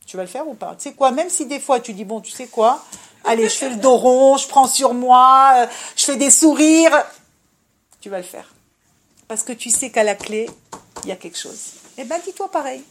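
A woman giving an informal religious talk, animated and direct, swinging between loud emphasis and a soft murmur and often asking the listener if they understand. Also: high voice, moderate pace. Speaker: religious speaker giving advice.

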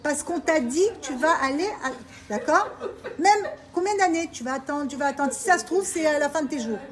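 A woman's voice: sits high, slight background noise. A woman teaching a group of women about faith, emphatic and repetitive, often asking her listeners if they understand. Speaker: religious teacher. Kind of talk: informal Torah talk to women.

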